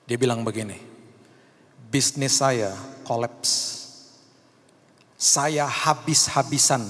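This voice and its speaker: A man preaching in a mid-pitched voice, carried along by the long reverb of a church hall. He tells stories and slips into the voices of the people in them. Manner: lively storytelling, acting out the people in his stories. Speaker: pastor. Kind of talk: sermon.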